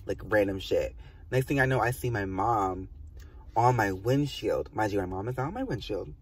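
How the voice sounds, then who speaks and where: A man's voice: fairly low pitch, animated, moderate pace, breathy edge, far from the mic. A man telling a storytime to his viewers in a casual, rambling and profane way, full of fillers and asides. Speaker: vlogger.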